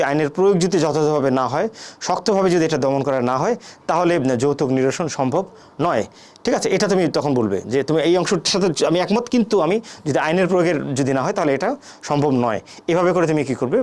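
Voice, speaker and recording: A man with a fairly high voice, speaking, gives a debate lesson. He keeps asking his students a question and then answers it himself. His talk is full of "thik ache" and "ah" fillers. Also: darkish tone. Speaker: debate teacher. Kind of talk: classroom lecture.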